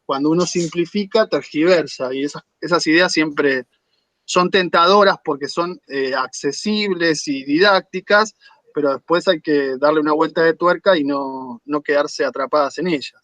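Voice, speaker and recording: A man leads an online academic panel, measured and explanatory as he puts questions to the guests. His voice sits fairly high for a man, and the call audio is dry and close. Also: fairly bright tone, dry recording. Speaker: panel coordinator. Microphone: video call.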